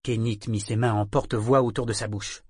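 A man narrating an adventure novel in measured storytelling. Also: lowish voice, fairly even intonation, darkish tone, husky, dry recording, clean studio sound. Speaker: audiobook narrator. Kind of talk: scripted narration.

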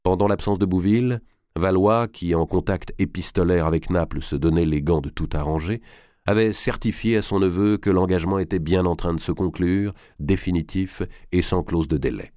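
A man narrating a historical novel as an audiobook, in a measured storytelling manner. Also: sits low, dark tone, no room sound, clean studio sound. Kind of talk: scripted narration.

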